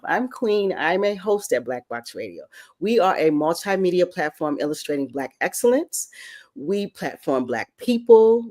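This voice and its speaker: A woman's voice: low voice, a little mellow. A woman hosting a talk show, talking with emphatic energy. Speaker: radio show host.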